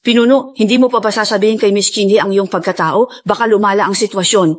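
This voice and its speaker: A woman voicing a brisk, loyal young aide. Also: mid-range voice, fairly even intonation, close to an everyday voice. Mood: reporting. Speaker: voice actor in a Filipino dub. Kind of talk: dubbed drama acting.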